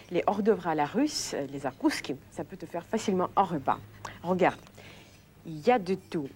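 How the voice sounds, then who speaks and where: A woman's voice: lowish voice, a little mellow, a little hiss or hum. A woman whose first language is Russian, chatting casually as she explains dishes step by step in a restaurant. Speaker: Russian teacher. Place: busy restaurant. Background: crowd chatter.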